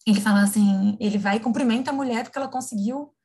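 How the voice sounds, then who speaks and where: A woman, explaining things in a lively, casual conversation, often asking her listeners "right?". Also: on the high side, fast talker, slightly rough. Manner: animated, acts out imagined quotes, frequent tag questions.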